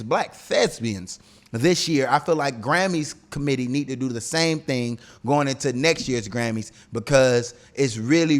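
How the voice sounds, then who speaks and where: A man co-hosting a podcast in casual chat, informal and slangy, often echoing and repeating phrases. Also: mid-range voice. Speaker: podcast host.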